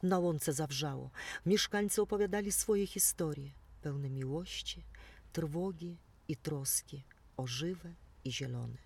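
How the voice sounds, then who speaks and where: A storyteller reading a children's tale aloud in an expressive, lilting way. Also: mid-range voice, takes it slowly, creaky, husky, distant mic.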